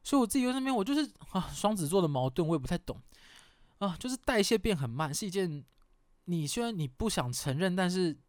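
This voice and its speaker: A man around thirty chats casually on his podcast. He rambles and mocks himself, and swears now and then. His voice sits fairly high and the recording is dry and close, with no room sound. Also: sing-song, quick pace, dry recording. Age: 30s. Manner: candid, rambling, self-mocking with mild swearing. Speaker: podcast host. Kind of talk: casual chat.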